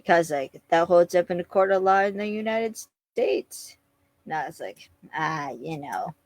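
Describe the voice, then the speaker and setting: A woman's voice: medium pitch, moderate pace, a little mellow, no room sound. A woman co-hosting a casual podcast, retelling a TV episode and acting out characters' lines. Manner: retells scenes, acts out lines. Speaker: podcast co-host. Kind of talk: casual episode recap chat.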